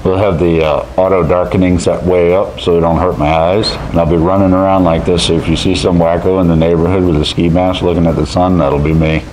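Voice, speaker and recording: A man's voice: sits low, level tone, brisk, few pauses, a little mellow, slight background noise, rough recording. A middle-aged man speaking through a face mask, chatting in a folksy, plain-spoken way as he reviews gear in his workshop. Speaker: host of a welding channel. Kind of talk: casual product review.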